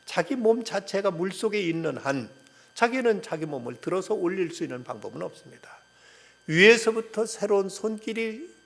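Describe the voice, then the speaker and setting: Pastor delivering a sermon, earnestly emphatic with frequent fillers, voice very gravelly and husky. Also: male voice, on the high side, fairly bright tone.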